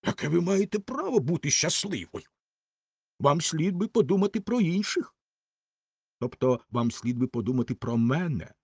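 A man's voice: on the high side, sing-song, moderate pace, husky, no echo, pitched above the performer's own voice, heavily acted. A man voicing a vain, self-pitying female rocket firework in a haughty, theatrical way.

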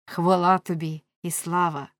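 A woman's voice: lowish voice, flat delivery, measured pace, no room sound, natural voice. A woman voicing a village father who eagerly reports news in her own plain voice.

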